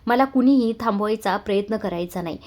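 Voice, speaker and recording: A woman's voice: mid-range voice, a little fast, darkish tone, lightly acted. A woman reading a bitter, hurt teenage boy. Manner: bitter, accusing.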